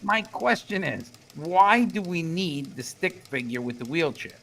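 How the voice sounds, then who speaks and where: Deadpan male joke-teller, slightly high. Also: measured pace, creaky, slight background noise. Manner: deadpan joke setups, wordplay. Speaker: co-host. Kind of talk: joking radio chat.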